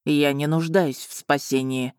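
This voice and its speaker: A woman reading an audiobook voices a proud, stern male dragon who speaks slowly and in clipped, authoritative words. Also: deep voice, fairly even intonation, darkish tone, smooth, no echo, studio quality. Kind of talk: audiobook narration.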